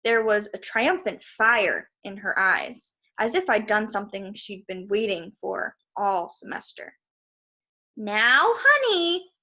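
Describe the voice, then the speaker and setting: Reading a storybook expressively, this woman uses a mid-range voice with a sharp tone, pacing a little slowly and seldom pausing. She drops casual side comments to her audience along the way.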